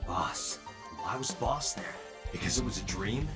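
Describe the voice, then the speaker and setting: A terse, brooding video game detective, urgent and rattled. His pitch moves widely and dramatically, and loud music with guitar plays behind him. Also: animated, a little slow. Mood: brooding, frustrated. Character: intense adult male detective, urgent and rattled.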